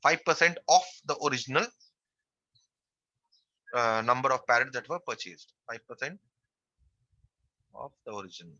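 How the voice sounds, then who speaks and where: A man's voice: medium pitch, animated, moderate pace, pauses often, pushed and bright, dry recording, highs cut off. A man teaching a math class online, working through a percentages problem step by step and repeating the key phrases.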